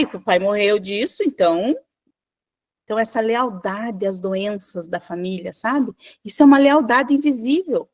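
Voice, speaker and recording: A middle-aged woman, teaching an informal online class in a chatty, animated way, with asides to the class. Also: on the high side. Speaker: spiritual teacher.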